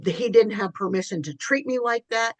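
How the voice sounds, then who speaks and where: A woman's voice: medium pitch, fairly quick, no echo, poor audio. A woman co-hosting a podcast, telling a personal story in candid casual chat, often laughing. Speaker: podcast co-host.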